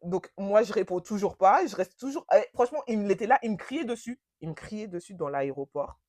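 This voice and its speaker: A young woman telling a personal story in a casual, animated way, with slangy and emphatic speech. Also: mid-range voice, fairly quick, dry recording, clean studio sound.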